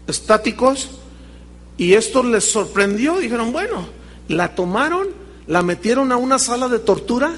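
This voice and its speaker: A man's voice: sits high, fairly bright tone, long reverb tail. A male pastor preaching a sermon with dramatic storytelling, addressing his congregation. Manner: dramatic storytelling, acting out quoted voices.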